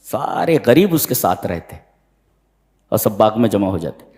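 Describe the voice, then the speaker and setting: Animated male preacher in a reverberant hall. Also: unhurried. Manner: recites Arabic verses then explains them, dramatic swings in pitch. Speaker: preacher giving Quran commentary. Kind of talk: sermon.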